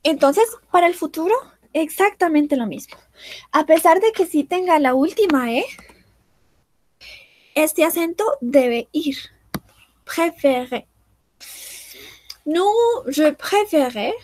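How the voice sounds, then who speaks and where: A woman teaching a French class, patiently explaining and repeating each example slowly. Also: sits high, a little mellow.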